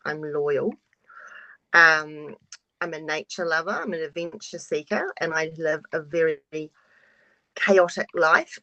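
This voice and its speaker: A woman in her forties introduces herself with frank openness, now and then letting a curse slip. Her voice sits fairly low. It comes through a video call with a dry, close sound. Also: pushed and bright, no room sound, poor audio. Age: 40s. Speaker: course participant.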